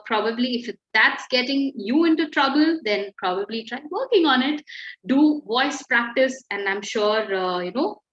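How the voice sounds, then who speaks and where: A young adult woman with a fairly bright, high-leaning voice teaches an online writing class. She explains patiently and encouragingly, using examples and fillers. The call audio is echoey and slightly dull.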